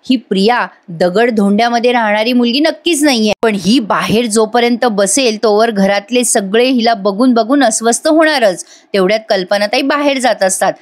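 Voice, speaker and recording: A woman giving a chatty voice-over recap of a TV serial and speaking directly to her viewers. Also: on the high side. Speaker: serial reviewer.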